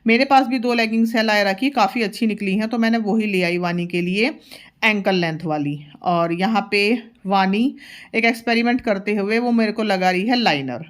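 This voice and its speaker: A woman's voice: mid-range voice, normal speed. Casual vlogger mom, homely and chatty, talks viewers through her day step by step. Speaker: vlogger, mother. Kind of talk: casual home vlog narration. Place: at home.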